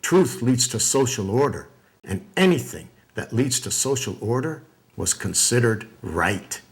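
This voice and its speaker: A man giving scripted documentary narration in a measured, deliberate way. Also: medium pitch, big pitch swings.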